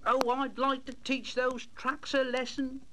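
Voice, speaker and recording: Thomas, a high, plucky little tank engine voiced by a man. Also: little pitch movement, a little slow. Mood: urgent, worried. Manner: urgent, emphatic, repeating phrases. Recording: noisy old storybook LP.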